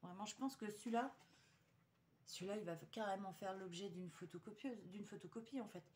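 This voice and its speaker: Woman, casual haul vlogger, chatty and hesitant, mid-pitched, faint background hiss. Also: brisk, a little mellow. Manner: chatty, hesitant, many fillers and restarts. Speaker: vlogger showing a paper haul. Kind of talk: casual chat to viewers.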